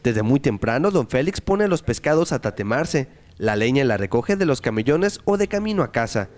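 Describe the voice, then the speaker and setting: A man reading a scripted news feature in an upbeat, clear voice. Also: medium pitch, big pitch swings, moderate pace, darkish tone. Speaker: news reporter.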